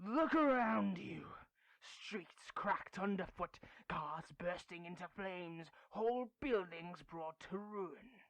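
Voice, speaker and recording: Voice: mid-range voice, animated, takes it slowly, creaky, fairly bright tone, no echo, heavily acted, low-quality recording. A performer acting a theatrical supervillain in an audio role-play, with a pompous, gloating, mustache-twirling manner. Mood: menacing gloating. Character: theatrical supervillain delivering a grandiose, gloating monologue.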